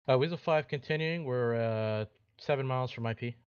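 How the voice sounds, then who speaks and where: A man giving short pilot radio calls, his voice muffled as though spoken through an oxygen mask. The sound is dull and lo-fi, yet his tone stays smooth and dry, of mid pitch, broken by small hesitant fillers. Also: brisk, no echo. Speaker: flight sim pilot.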